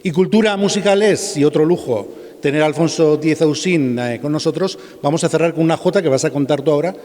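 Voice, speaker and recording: A man's voice: a little high, fast, warm tone. A man from presenting an event, announcing to an audience with a few hesitant fillers. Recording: long hall reverb in a large space.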